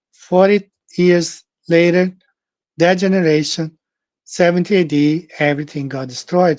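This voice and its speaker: A man's voice: a little high, a little mellow, no room sound. An earnest man talks through his thoughts in a slightly raised voice, stopping and restarting as he goes. The recording is dry and close, with no room sound around him. He sounds like someone speaking alone to his channel's viewers. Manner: earnest, halting, with many restarts and fillers. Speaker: channel host. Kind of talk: casual monologue on scripture.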